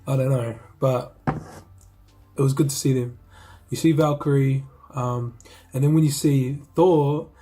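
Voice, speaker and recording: A man's voice: mid-range voice, steady tone, a little slow, warm tone. A man with a New Zealand accent, chatting casually and slangily about a film he reviewed. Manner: laid-back, slangy, rambling with restarts. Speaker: movie reviewer. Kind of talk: casual chat.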